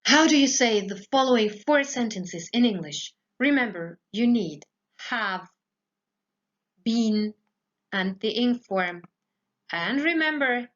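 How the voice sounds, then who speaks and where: A woman's voice: on the high side, fairly bright tone, highs cut off. Patient woman teaching English. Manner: patient, explains step by step, often checks with "okay?". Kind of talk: recorded grammar lesson for pupils.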